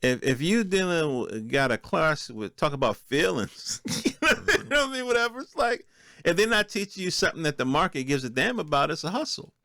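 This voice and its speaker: This solo podcast host's voice runs on the high side with big pitch swings and a sharp tone, at a moderate pace and with no echo. He improvises a casual monologue in streetwise, colloquial language laced with profanity.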